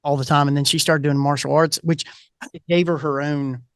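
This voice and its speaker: Animated storytelling man, dry audio. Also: on the high side, normal speed, smooth, dry recording. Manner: animated anecdote-teller, acts out quoted voices. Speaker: guest author. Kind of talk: casual storytelling interview.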